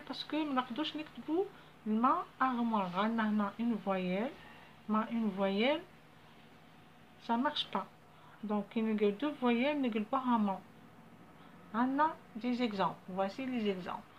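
A woman primary school teacher with an Algerian accent, explaining French grammar in a lesson, reading French slowly and explaining quickly in Arabic. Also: on the high side. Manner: slow, deliberate dictation of French words, switching to fast Arabic explanations. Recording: dull lo-fi audio with faint ambient noise.

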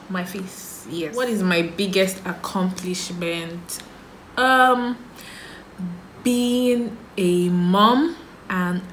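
In a low-quality recording with an echoey room and a little hiss or hum, a lowish-voiced woman talks to camera against a sheet backdrop in a small indoor room. She's a Nigerian makeup vlogger in her thirties, relaxed and musing as she poses get-to-know-me questions and answers them herself.

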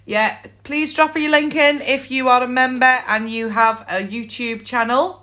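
A woman with a British accent works as a bingo caller in a very high voice. She takes her time over each number and chats to players between calls. Her manner is playful and full of exclamations. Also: fairly even intonation, unhurried, bright, forceful tone. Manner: playful, exclamatory, sing-song repetition of names and calls. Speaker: bingo caller and live stream host. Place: indoors at a table.

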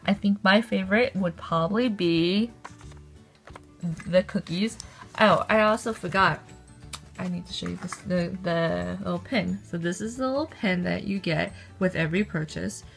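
Speaking at a normal speed in a lowish, gravelly voice with a fairly bright tone, a young woman vlogs a casual haul from her bedroom over soft background music. The phone is at arm's length and close to her, and her cheerful chatter is full of ums.

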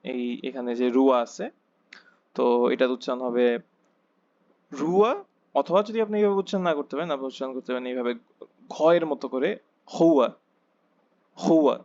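A man's voice: mid-range voice, lively intonation, fast talker, darkish tone, highs cut off. A man teaching a language lesson, saying each letter and example word twice and then explaining in casual Bangla with English words mixed in. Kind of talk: slow alphabet drill, each word said twice.

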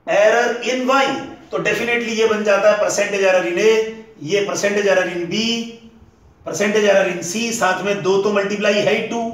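Male tutor, high pitch, rhythmic step-by-step lecturing, distant mic in a reverberant classroom. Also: fairly bright tone. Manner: rhythmic, repeats formulas step by step, tells students to breathe deeply. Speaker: physics teacher. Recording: echoey room, voice from far off.

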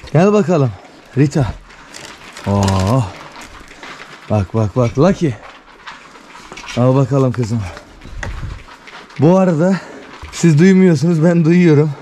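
Excited man vlogging with puppies. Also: a little high, a little hiss or hum. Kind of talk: casual vlog commentary.

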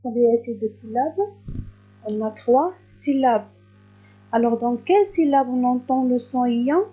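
Slow, patient woman teacher, high voice. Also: muffled recording. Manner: slow, clearly stretched words, patient. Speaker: primary school teacher. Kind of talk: recorded reading lesson for young pupils.

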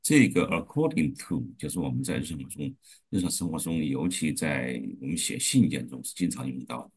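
A man's voice: extremely low pitch, lively intonation, brisk, a little mellow, slightly rough. A man in a class reading verses aloud and asking careful, earnest questions about word meanings. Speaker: student.

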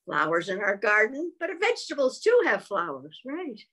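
A woman reading a picture book aloud to young children, gently explaining and checking in with little questions, clearing her throat now and then. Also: a little high, wildly swooping pitch. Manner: gentle, slow, explaining with frequent tag questions. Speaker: children's storyteller.

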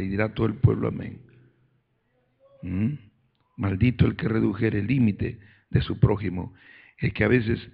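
Gravelly-voiced preaching pastor, lo-fi. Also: male voice. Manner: preaching with rising, shouted calls to praise; reads scripture aloud in a low, measured voice. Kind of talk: sermon.

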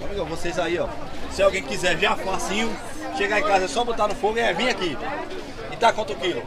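A man's voice: sits high, fast. A man with a Northeastern Brazilian accent, chatting upbeat as he walks an open-air market, greeting vendors. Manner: upbeat, chatty, says "valeu" and "aí tá certo" often. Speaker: vlogger touring a market. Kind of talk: casual street interviews. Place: busy open-air street market outdoors. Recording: loud market crowd behind.

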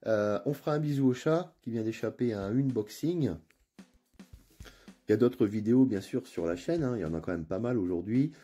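A man with a northern French accent talks through an unboxing on his channel, relaxed and chatty, pausing often to hesitate. His voice sits on the low side with a warm, mellow tone, and soft music plays quietly underneath. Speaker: channel host. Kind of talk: casual unboxing narration. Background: faint background music.

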